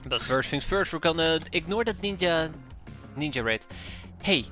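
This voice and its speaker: Streaming a strategy game from his home room, this Dutch-accented man from the Netherlands chats with viewers at a moderate pace over faint music. His fairly high voice is expressive, pushed and bright, and his commentary rambles with frequent self-corrections and chuckled asides.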